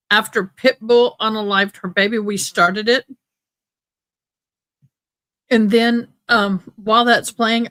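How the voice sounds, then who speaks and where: Woman, livestream host, highish bright voice, informal playful chat, dry close sound. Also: no echo, rough recording. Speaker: livestream trial-watch host.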